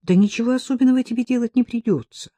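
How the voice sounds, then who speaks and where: A woman's voice: on the low side, sing-song, measured pace, dark tone, husky, dry recording, full character voice. A woman voicing an impulsive, wealthy young woman who pleads and coaxes, then turns defiant, in an audiobook. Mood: pleading. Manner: pleading and coaxing, flares up defiantly.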